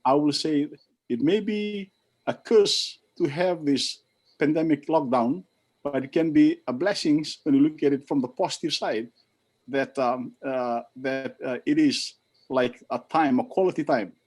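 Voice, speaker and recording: An older man from Fiji giving a halting toast on a video call, with many fillers and restarts. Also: a little high, a little mellow.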